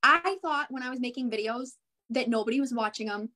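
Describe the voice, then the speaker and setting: A woman's voice: a little high, fairly quick, pushed and bright. A woman with a Midwestern American accent, bubbly and encouraging, giving a motivational sales talk during a live video. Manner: bubbly, encouraging, repeats herself. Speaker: direct sales consultant.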